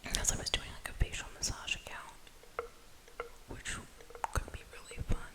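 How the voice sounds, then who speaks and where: A woman esthetician whispering casual ASMR chat, rambling with lots of filler words in a breathy unvoiced whisper. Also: normal speed.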